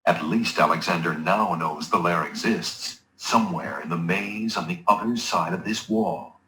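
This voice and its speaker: An actor giving scripted narration for a fantasy adventure game, measured, solemn and dramatic. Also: male voice, low voice, pushed and bright, echoey room, a little hiss or hum, low-quality recording.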